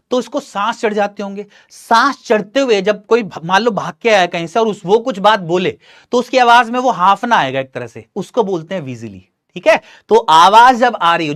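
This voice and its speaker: A young man teaching an English lesson. He reads the text slowly and then explains it quickly. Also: high-pitched, fairly bright tone. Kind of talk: bilingual literature lesson, reading and explaining.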